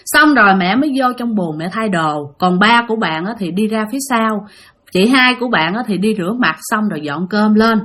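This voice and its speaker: A woman's voice: medium pitch, a little fast. A woman telling a ghost story in a chatty way, full of fillers. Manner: chatty, lively, many fillers. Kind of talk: spoken ghost story narration.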